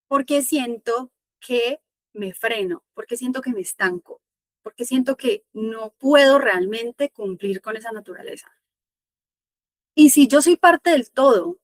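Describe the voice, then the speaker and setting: A woman spiritual teacher telling a parable in an online masterclass, slow and reflective, repeating phrases for emphasis. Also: a little high, dry recording.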